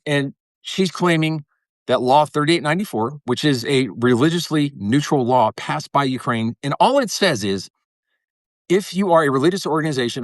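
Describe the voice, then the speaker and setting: A man's voice: fairly high pitch, fairly bright tone, no room sound, clean studio sound. A man talking as a guest in a casual interview, rambling and restarting his sentences, swearing now and then.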